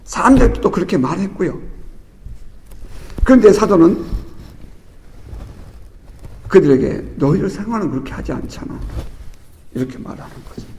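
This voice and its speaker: In a church sanctuary, a middle-aged male pastor delivers an expository sermon in a conversational style, with laughing asides and acted-out voices for the people he quotes. His voice sits high and warm, with lively intonation, a moderate pace and long pauses, and the hall is reverberant.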